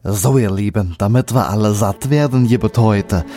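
A man's voice: lowish voice, moderate pace, lightly acted. A man voicing a homely, hesitant brother who hosts a feast. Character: homely brother who keeps a magic table. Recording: clear music behind.

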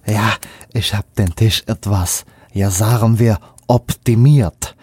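A man's voice: fairly low pitch, fairly even intonation, takes it slowly, mellow, no room sound. A man voicing a homely, hesitant brother who hosts a feast. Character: homely brother who keeps a magic table. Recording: clear music behind.

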